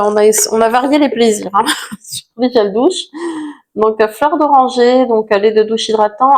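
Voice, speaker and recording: A woman chatting casually to camera about used-up products, self-mocking, with lots of fillers. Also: fairly high pitch. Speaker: vlogger reviewing finished products.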